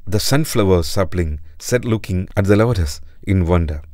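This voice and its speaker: A man reading a children's story aloud in an expressive, sing-song way. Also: low voice, normal speed, no room sound, clean studio sound.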